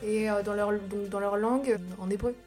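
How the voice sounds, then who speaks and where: A woman's voice: mid-range voice, fairly even intonation, brisk, darkish tone, faint music behind. A woman chatting casually about a film, hesitant with fillers.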